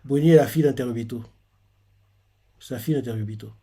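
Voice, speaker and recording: Mellow man rambling through a recap. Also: mid-range voice, quick pace, slightly rough. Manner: rambling, filler-heavy retelling. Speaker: manga reaction host. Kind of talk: casual chapter recap.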